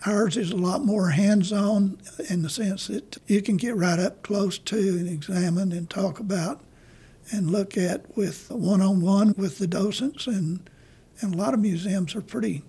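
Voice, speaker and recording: An older man, an artist being interviewed, telling stories in a rambling, halting way. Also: sits high, steady tone, vocal fry, mellow, breathy edge. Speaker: artist guest. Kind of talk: casual interview talk.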